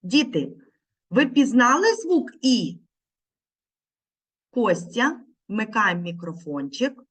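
A woman teacher leads small children through an online lesson. She talks slowly and patiently with a lively, rising and falling pitch. Her voice sits a little high and comes through a video call. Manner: slow, patient, coaxing tone with children.

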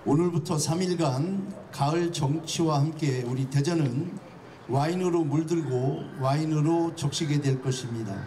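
A man's voice: on the high side, moderate pace, dark tone. A man reading a formal opening speech into a handheld mic outdoors. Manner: reads from a paper into a handheld mic. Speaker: official giving an opening speech. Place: outdoors at a building entrance. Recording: distant mic at outdoor ceremony with noise.

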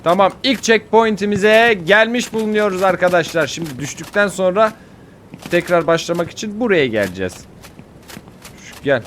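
Excitable young man narrating his gameplay. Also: high-pitched, normal speed, a little hiss or hum. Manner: excitable, yelps and frets aloud at near falls. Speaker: gaming YouTuber. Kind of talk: casual gameplay commentary.

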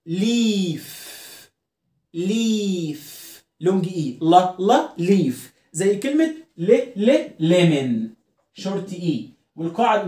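A man's voice: sits high, mellow, echoey room. A man with an Egyptian Arabic accent teaching an English phonics lesson. He drills each word again and again and keeps checking with his listener. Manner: drills words by repetition, asks the listener questions.

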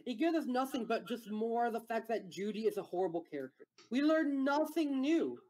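A woman's voice: fairly high pitch, lively intonation, brisk, mellow. A woman chatting on a podcast, giggly and blunt in her opinions. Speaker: podcast co-host. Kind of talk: casual podcast reading and chat.

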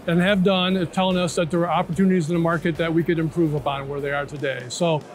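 A man in his fifties talks fast in a slightly high, level voice, presenting a product in an interview. He explains each step and checks in with "okay?" and "right?" on a large indoor trade show floor, where music plays under the talk.

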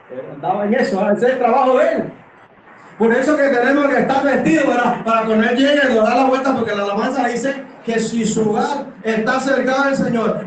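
Preaching to a packed small church hall indoors, this middle-aged elder speaks with a Panamanian Spanish accent in a very high-pitched, slightly mellow voice. He delivers an impassioned, conversational sermon full of rhetorical tag questions. Captured from far away, the sound echoes through the room, with background noise.

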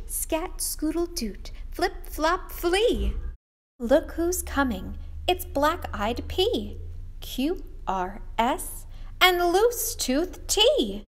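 Bright, slow, sing-song woman reading aloud. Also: sits high. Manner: sing-song, shifts between hushed and shouted lines. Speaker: children's read-aloud host. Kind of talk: expressive picture-book read-aloud.

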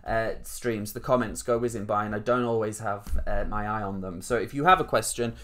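A man's voice: lowish voice, fairly even intonation, a little fast, a bit bright. A man in his thirties with a northern English accent, hosting an informal live stream and chatting in a rambling, self-deprecating way. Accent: Northern English, Rotherham. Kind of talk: casual live-stream chat.

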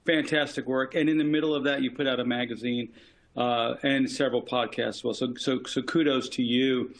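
Male panelist, mid-pitched voice, energetic analytical delivery over a video call. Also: low-quality recording. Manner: emphatic, rapid-fire analysis. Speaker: political consultant panelist. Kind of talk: panel discussion.

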